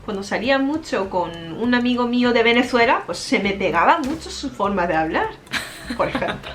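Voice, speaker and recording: A woman's voice: a little high, a little fast, slight background noise. Woman speaking fluent Spanish. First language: Japanese. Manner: animated storytelling, frequent laughs and fillers. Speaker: interview guest; Spanish teacher. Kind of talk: casual interview chat.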